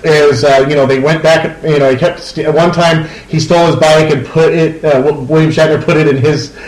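A man co-hosting a casual podcast chat, talking haltingly with lots of fillers and restarts. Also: fairly high pitch, fairly even intonation, reverberant, low-quality recording. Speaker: podcast co-host.

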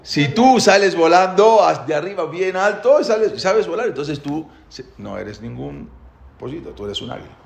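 A man's voice: fairly high pitch, expressive, normal speed, gravelly, voice pushed up. A man voicing a grown male eagle who firmly challenges a young one. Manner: firm, questioning. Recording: echoey room.

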